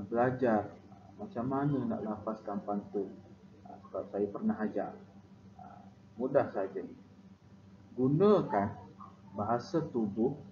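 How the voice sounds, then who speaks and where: A male primary school teacher with a Malaysian Malay accent, giving a recorded online lesson, repeating himself with frequent "ah" fillers. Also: on the low side. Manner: repetitive, frequent "ah" fillers, instructive. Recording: echoey, dull lo-fi, noisy.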